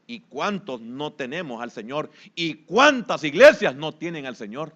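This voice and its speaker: High-voiced Salvadoran pastor preaching. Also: male voice, sing-song, measured pace, muffled recording. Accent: Salvadoran Spanish. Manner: swings from hushed asides to loud rising exhortation. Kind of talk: sermon.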